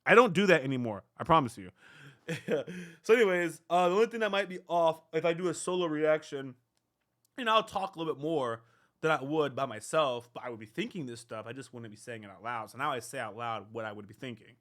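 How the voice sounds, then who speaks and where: A man hosting a reaction channel talks casually to the camera, rambling and self-deprecating, with lots of fillers. His voice is a little high, a bit bright, and brisk.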